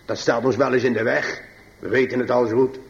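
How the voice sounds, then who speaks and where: A man preaching to his congregation, slow and emphatic, swinging between high pleading passages and low quiet asides. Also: steady tone, vocal fry, highs cut off. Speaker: pastor. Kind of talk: sermon.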